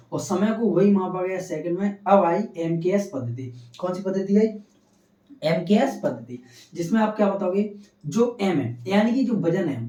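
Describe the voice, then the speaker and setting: A man's voice: high voice, warm tone. A man teacher quizzing and answering himself. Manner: poses questions and answers them himself, repeating key terms. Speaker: science teacher. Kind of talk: classroom lecture. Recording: echoey room, distant dull mic.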